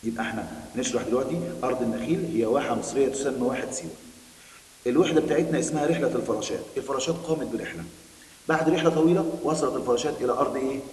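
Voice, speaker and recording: A man with an Egyptian Arabic accent teaching a primary school Arabic lesson, quickly explaining a text to children. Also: mid-range voice, darkish tone. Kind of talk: recorded classroom lesson. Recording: echoey room, distant mic, faint hiss.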